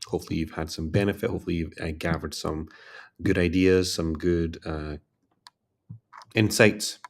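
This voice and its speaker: A man hosting a casual livestream as a career coach, tired and yawning, talking in a relaxed, rambling way and repeating requests to like and subscribe. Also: low-pitched, moderate pace.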